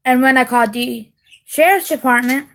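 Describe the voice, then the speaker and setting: Woman vlogger, higher-pitched voice, heated swearing rant, emphatic stresses. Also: normal speed, fairly bright tone, slight background noise, poor audio. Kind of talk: casual direct-to-camera rant.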